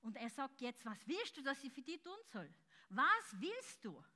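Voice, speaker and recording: A woman preaching a charismatic sermon, calling out loudly and then dropping to soft, close speech. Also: sits high, expressive, a little fast. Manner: fervent, swings between loud shouts and soft intimate speech.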